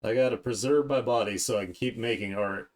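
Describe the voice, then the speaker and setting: A brisk, medium-pitched man hosts an art livestream, chatting casually and rambling to his viewers while he draws.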